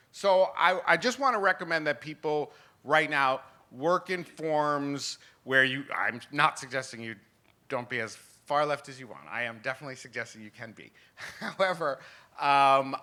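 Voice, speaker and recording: A man in his fifties, a film distributor speaking on a festival panel, animated, laughing often and restarting sentences. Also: on the high side. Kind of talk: panel discussion. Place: festival symposium panel stage.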